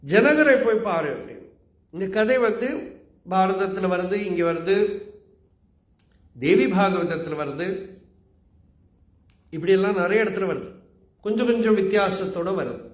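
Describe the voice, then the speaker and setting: A man in a large auditorium gives a religious discourse. His voice sits high and he moves at an unhurried pace, chanting verses and then explaining them. The hall adds a clear, roomy echo. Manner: slow, measured chanting of verses, then plain explanatory talk. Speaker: spiritual teacher giving a discourse. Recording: echoey hall recording.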